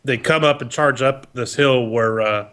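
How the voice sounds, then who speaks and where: A man running a tabletop game as game master, improvising narration in a halting, conversational way. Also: mid-range voice, pushed and bright, clear, resonant tone.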